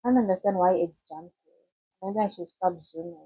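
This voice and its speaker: A young woman with a lowish, mellow, slightly breathy voice talks a little fast, though the recording quality is low. She gives casual study-planning tips to camera in a chatty, loose tutorial, often correcting herself and restarting sentences.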